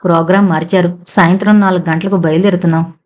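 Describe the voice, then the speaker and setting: A woman's voice: lowish voice, steady tone, quick pace, close to an everyday voice. A woman reading the lines of a teasing college-girl younger sister in an audio novel. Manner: teasing, bright questioning.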